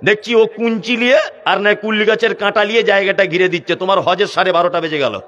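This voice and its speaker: A man preaching a Bengali waz sermon in a West Bengal accent, fiery, mocking, and rising to shouts. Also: high voice, steady tone, quick pace, muffled recording.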